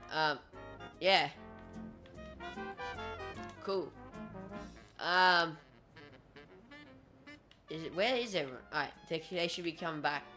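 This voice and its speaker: A young man giving casual, excitable gameplay commentary as a YouTuber, talking to himself and swearing at the game. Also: fairly high pitch. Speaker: gaming YouTuber.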